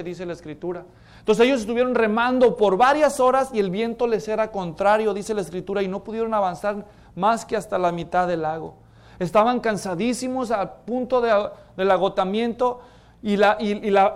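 A man preaching a sermon, retelling stories dramatically, acting out voices and dropping to quiet emphasis on his key points. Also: sits high, smooth.

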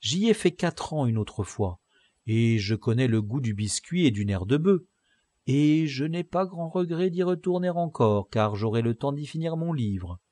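A man's voice: mid-range voice, animated, unhurried, mellow, no room sound, voice pushed up. A man voicing a proud, sly male convict who answers in a glib, mock-polite way. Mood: boastful.

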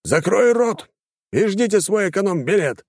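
A man's voice: high-pitched, expressive, moderate pace, darkish tone, breathy edge, no echo, studio quality, voice pushed up, heavily acted. A man voicing an arrogant, hot-headed baron in an audiobook, blustering and indignant. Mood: barking. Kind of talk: audiobook character voice.

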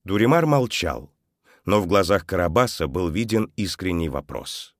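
Male narrator, low voice, calm storybook reading, dry studio. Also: normal speed, no room sound. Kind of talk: audiobook narration.

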